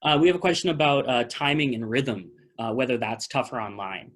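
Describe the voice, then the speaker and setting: A man with a medium-pitched voice talks fairly quickly while hosting a post-show theater talkback on a video call. It's casual question-and-answer hosting, conversational, with him thinking aloud as questions come in.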